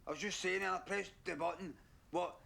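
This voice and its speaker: A man playing a brash middle-aged Scottish woman, a former junkie, in a comedy sketch, with a raspy voice and a blunt, defiant ramble. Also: sits high, fairly even intonation, normal speed, pushed and bright, pitched above the performer's own voice, heavily acted. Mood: indignant. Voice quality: raspy, gravelly.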